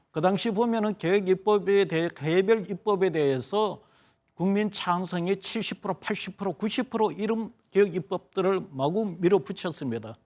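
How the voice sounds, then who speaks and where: A man's voice: high-pitched, a little mellow. A man speaking as a pollster on a television current-affairs panel, explaining survey figures in long, analytical turns.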